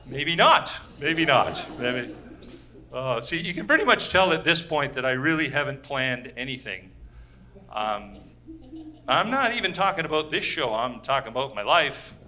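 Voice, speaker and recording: A man's voice: medium pitch, sing-song, normal speed, pushed and bright. A man doing a stand-up comedy set for a small audience, rambling and cutting himself off often. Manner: rambling, self-interrupting, restarts often. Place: small live audience venue.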